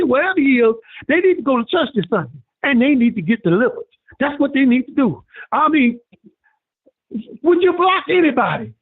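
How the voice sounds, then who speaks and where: Male caller, high husky voice, lively and preachy, tinny phone audio. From Birmingham, Alabama. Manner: preachy, repetitive, animated storytelling. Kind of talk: call-in rant.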